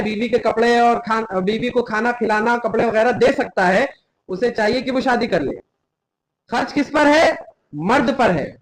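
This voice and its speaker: High-voiced young man preaching with fervor. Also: poor audio. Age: young adult. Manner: impassioned, scolding, quotes scripture in Arabic. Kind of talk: sermon.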